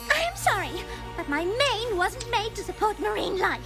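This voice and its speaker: Refined drama-queen cartoon pony: very high, swooping, affected, loud music behind. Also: big pitch swings, normal speed, exaggerated voice. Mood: dramatic despair. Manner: posh, theatrical, affected diction. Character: refined, melodramatic, fussy lady pony. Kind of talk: animated cartoon dialogue.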